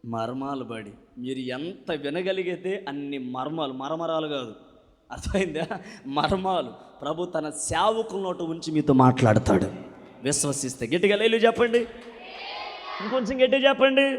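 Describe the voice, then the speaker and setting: A man preaching a sermon at a prayer meeting. He calls for responses from the congregation, moving between loud shouted lines and quiet joking asides. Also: a little high, expressive, moderate pace. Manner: call-and-response, urging the crowd to repeat and shout back. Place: church prayer meeting hall. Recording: long hall reverb.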